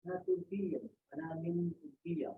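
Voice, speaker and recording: A male student in a class, reading practice dialogue lines aloud haltingly and asking the teacher a question. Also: high voice, little pitch movement. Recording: distant, tinny, echoey with faint noise.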